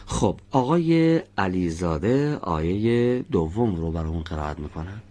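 A man with a somewhat low voice leads a recitation class. He speaks patiently, stops to correct students, and carefully sounds out letters to show how they should be pronounced. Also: expressive, dark tone. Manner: corrects pronunciation slowly, demonstrating sounds by example. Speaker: Quran recitation teacher.

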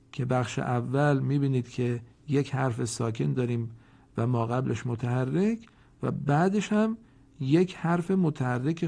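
A man with a gravelly, dark, mid-range voice gives a formal recorded lesson on Quran reading. He speaks slowly and deliberately, stretching example words and pausing so learners can answer.

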